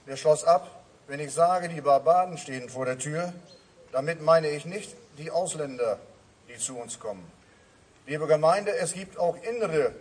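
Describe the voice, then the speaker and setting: Male pastor, husky, slightly high voice, earnest preaching with refrains, distant mic. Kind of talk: sermon.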